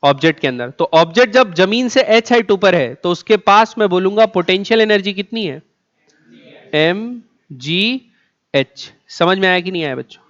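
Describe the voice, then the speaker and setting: Speaking with lively intonation and a slightly bright, high-pitched voice, a man teaches a physics class by asking questions and answering them on his own. Key words get stretched out slowly and repeated for emphasis, all captured on a dull, low-fidelity recording.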